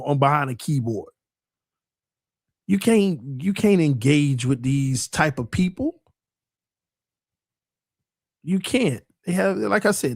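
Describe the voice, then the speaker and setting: A man's voice: mid-range voice, darkish tone, no echo, studio quality. Earnest forty-year-old man preaching at the mic. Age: 40s. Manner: earnest, repetitive, builds to emphatic preaching. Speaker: sports podcast host. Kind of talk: casual preachy monologue.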